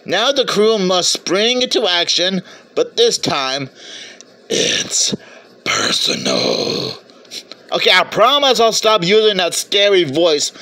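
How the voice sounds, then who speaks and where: A man's voice: sits high, sharp tone. A man chatting playfully as a movie reviewer in a casual video review, stumbling over words now and then.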